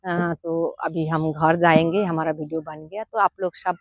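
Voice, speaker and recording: A middle-aged woman, a mother, giving frank, down-to-earth parenting advice in a casual vlog, pausing often with "uh". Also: deep voice, fairly even intonation, no room sound. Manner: frank and down-to-earth, with many "uh" pauses.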